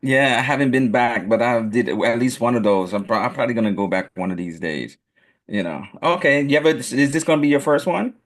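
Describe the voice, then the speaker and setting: A man's voice: medium pitch, brisk. A man hosting a casual interview, asking long questions with many filler words. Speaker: host.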